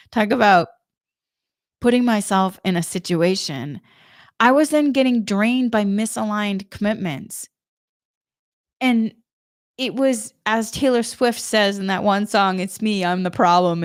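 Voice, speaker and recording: A woman's voice: mid-range voice, clear, resonant tone, no room sound, studio quality. A woman giving a casual, emotional personal monologue as a spiritual energy coach, chatting directly to her listeners.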